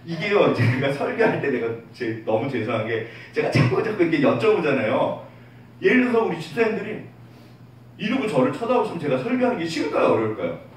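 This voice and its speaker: A male pastor preaching a lively sermon, asking the congregation questions and answering them himself, and dropping to a hush when he quotes God. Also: a little high, a little fast. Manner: drops to a soft hush when quoting God. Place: church sanctuary. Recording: very echoey, distant, faint room noise.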